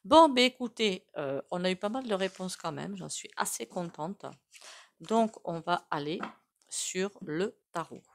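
Woman w a regional french accent, low voice, chatty tarot reading, thinking out loud. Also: animated, unhurried. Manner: musing aloud, loose and conversational. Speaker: tarot reader and psychic. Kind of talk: casual spoken tarot reading.

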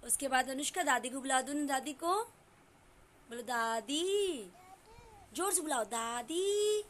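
Slow, high, coaxing woman vlogger. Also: expressive. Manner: coaxing, sing-song prompting of a small child. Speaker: family vlogger. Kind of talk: teaching a toddler on camera.

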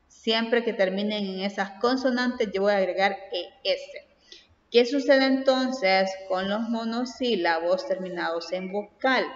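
A woman teacher giving a grammar lesson, speaking slowly and deliberately and often asking rhetorical questions. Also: medium pitch, a bit bright. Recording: roomy, long reverb, dull lo-fi sound.

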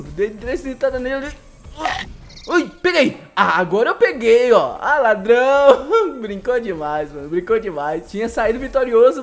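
A young man with a Brazilian accent giving excitable, slangy live commentary over gameplay and laughing often. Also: very high voice. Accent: Brazilian Portuguese. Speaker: gaming YouTuber.

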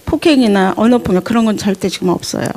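Mellow-voiced woman in her sixties. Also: mid-range voice, animated, quick pace. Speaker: audience member asking a question. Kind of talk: live question-and-answer exchange.

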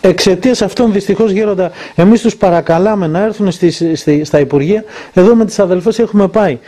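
A man's voice: high voice, mellow. A man interviewing a monk, talking heatedly and indignantly, retelling conversations at length. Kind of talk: impassioned conversational monologue.

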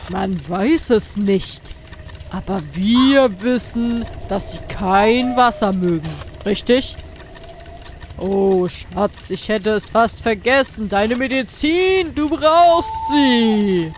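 A woman acts out a tall, theatrical skeleton gentleman from an adventure game. The kindly inventor draws out words at a slow pace, with clear noise behind. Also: a little high. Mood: eager, helpful. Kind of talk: game dialogue read aloud.

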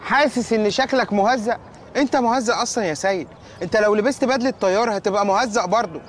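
A man's voice: sits high, quick pace, a little hiss or hum, natural voice. An actor with an Egyptian accent playing a sarcastic, bossy young man in a comedy series.

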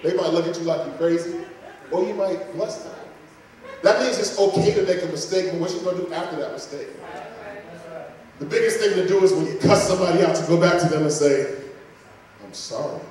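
A man's voice: sits high, fairly quick, darkish tone. A man preaching a sermon, fervent and repetitive, with casual asides to the congregation. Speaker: pastor. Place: church sanctuary. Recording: echoey hall from far off.

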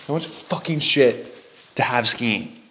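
A man's voice: medium pitch, slow, sharp tone, a little hiss or hum. Joking young man vlogging on a ski trip. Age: 20s. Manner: joking, upbeat, swears casually. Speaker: vlogger and host. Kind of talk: casual vlog narration to camera. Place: ski hill outdoors and indoor lodge rooms. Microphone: handheld action camera at arm's length.

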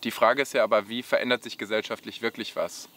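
A man in his thirties speaking thoughtfully in an interview, pausing now and then. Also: fairly low pitch, steady tone, fairly bright tone.

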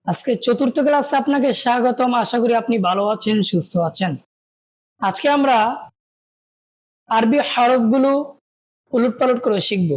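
A woman's voice: on the high side, normal speed, long pauses. A woman teaching Arabic letters, patiently calling out each one and asking and answering her own questions. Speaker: Quran reading teacher.

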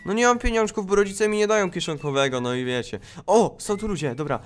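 A young man narrating and acting out a game role-play as a whiny, excitable kid. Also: high-pitched, fast talker, smooth. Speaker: gaming YouTuber.

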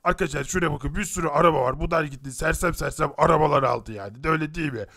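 A man's voice: a little high, very fast, bright, forceful tone. A man voicing Herobrine, a boastful muscular boy racer in a Minecraft animation, who taunts the others.

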